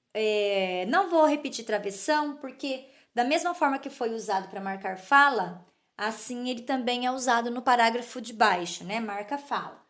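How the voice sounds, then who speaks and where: A woman teacher explains a literacy lesson patiently and keeps checking whether her pupils understand. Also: on the high side.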